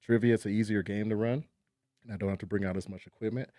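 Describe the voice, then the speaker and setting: Fast-talking upbeat man, dry sound. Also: fairly low pitch, steady tone, mellow, no echo. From England. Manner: upbeat salesman patter with repeated fillers. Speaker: game show and trivia host. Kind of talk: guest on a casual podcast.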